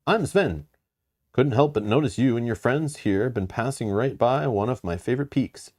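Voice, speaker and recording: A man's voice: mid-range voice, lively intonation, moderate pace, a little mellow, close to an everyday voice. A man voicing a wizened, friendly old gnome with folksy, exclaiming rustic speech and a mischievous streak in a tabletop game. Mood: jovial.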